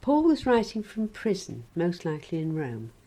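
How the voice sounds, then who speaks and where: Mellow, husky woman preaching a sermon. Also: on the low side, huge pitch swings, poor audio. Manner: measured, gently wry reflective preaching.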